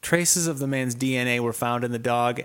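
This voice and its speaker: A man co-hosting a casual podcast, reading out a news story and dropping crude, deadpan jokes. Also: medium pitch, normal speed, smooth. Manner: crude, joking, deadpan asides. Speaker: podcast co-host.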